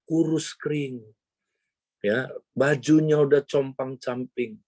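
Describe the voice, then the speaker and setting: A male pastor telling a story in a sermon, his voice leaping up on exclamations and dropping low when he turns to the congregation. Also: a little mellow, dry recording. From Indonesia.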